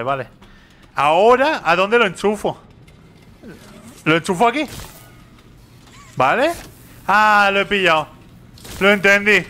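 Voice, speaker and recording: A man's voice: sits high, sharp tone. A young man from commentating a horror game, nervous, repeating phrases and talking to himself. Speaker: gaming youtuber.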